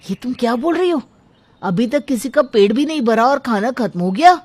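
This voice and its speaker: A woman's voice: a little high, expressive, moderate pace, darkish tone, slightly rough. A woman voicing an irritated young husband in a cartoon, complaining angrily. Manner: angry, complaining. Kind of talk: cartoon voice acting.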